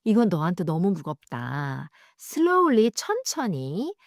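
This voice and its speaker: A woman whose first language is Korean, leading an English reading lesson. She reads the English lines slowly, then explains them in quick, chatty asides. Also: fairly low pitch, huge pitch swings, dry recording, studio quality. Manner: acts out sounds and voices. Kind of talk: bilingual read-aloud lesson.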